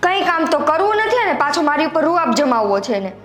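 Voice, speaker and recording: A woman's voice: high-pitched, sing-song, a little fast, a bit bright. A young woman playing a fed-up, overworked younger daughter-in-law who complains sharply. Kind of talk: family drama acting.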